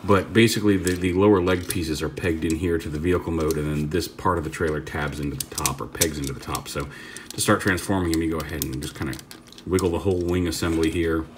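Talking fast, a deep-voiced man gives a casual hands-on toy review, handling the piece on a tabletop. He's relaxed and off-the-cuff, rambling and fixing his sentences partway through, over a faint hiss.

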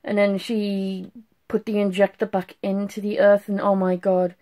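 A young woman speaks at an ordinary pitch, fresh from a cry. She gushes in a casual review style, restarting and trailing off as she goes. She records on a phone at arm's length in a small bedroom. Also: flat delivery, moderate pace, warm tone. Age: young adult. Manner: emotional gushing with restarts and trailing thoughts. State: has just been crying. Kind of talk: casual video review to camera. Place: small bedroom at home, indoors.

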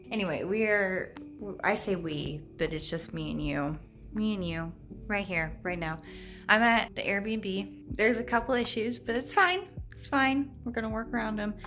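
A woman's voice: mid-range voice, measured pace, a bit bright, faint music behind. A young woman in her twenties talking to her phone camera in a casual vlog, tired and rambling with lots of fillers, first from bed and then indoors in a small rental house. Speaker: content creator. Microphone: phone held at arm's length.

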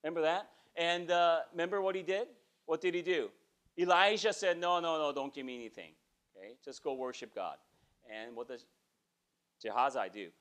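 In a small church sanctuary, a pastor in his forties gives a sermon in a fairly high voice at normal speed. He keeps it conversational with animated gestures, often checking in with "okay?"

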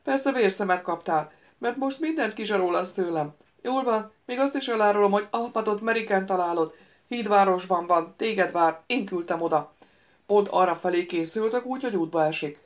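A woman's voice: medium pitch, natural voice. A wheedling ghost wizard, as a woman reads him. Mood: pleading. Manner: wheedling, pleading and bargaining. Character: pleading ghostly male wizard, petulant and scheming.

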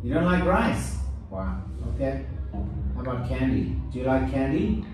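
A man's voice: medium pitch, very animated, normal speed. A young adult man acting as an English teacher, giving a child a speaking test and repeating questions patiently with short praise. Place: small classroom with glass walls, indoors. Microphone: far camera. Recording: echoey room from a distant camera, light noise.

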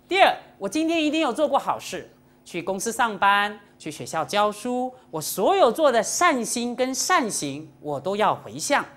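A woman, a Buddhist nun, giving a dharma lecture to an audience in a lively, teasing way, dropping in English words now and then. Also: medium pitch, moderate pace.

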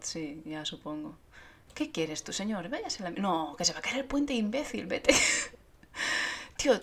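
A woman's voice: lowish voice, vocal fry. A woman giving chatty, swearing commentary while streaming a game and reading her chat aloud. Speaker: gameplay streamer. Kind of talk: casual gameplay commentary.

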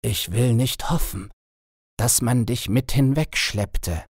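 Storybook soldier, kindly, calm, reassuring, husky voice, as a man reads him. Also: mid-range voice, slow, dry recording, studio quality. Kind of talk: storybook reading.

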